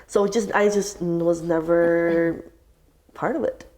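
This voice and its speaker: Reflective woman organizer, lowish voice. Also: steady tone, slow pace, darkish tone. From United States. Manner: reflective, searching for words. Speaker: community organizer. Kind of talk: panel conversation.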